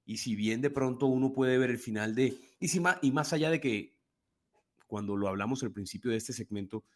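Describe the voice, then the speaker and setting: In casual sports talk, a man with a Colombian Spanish accent co-hosts a podcast, speaking animatedly and often restarting his sentences. His voice is medium-pitched and somewhat dark, at a normal speed.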